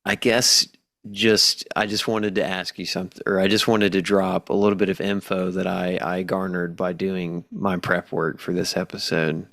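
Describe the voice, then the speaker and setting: A man's voice: sits low, level tone, moderate pace, fairly bright tone, no room sound, clean studio sound. A man co-hosting a podcast, chatting casually about films in a rambling, self-correcting way. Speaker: podcast co-host. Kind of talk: casual film discussion.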